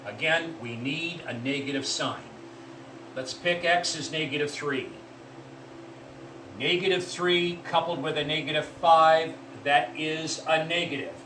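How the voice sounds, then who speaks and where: A man teaching a math lesson, explaining step by step in a deliberate way and repeating key points. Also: fairly high pitch, sharp tone. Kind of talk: classroom math lecture. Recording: echoey room from far off with faint noise.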